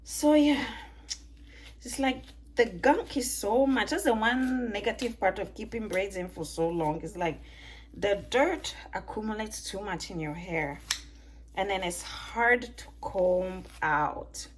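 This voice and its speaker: Speaking slowly in a mid-range voice over a faint hiss or hum, a woman in her thirties vlogs from home as she detangles her hair. She's chatty and playful, laughs a lot and asks viewers questions, with an accent mixing Ghanaian, Italian, British and American.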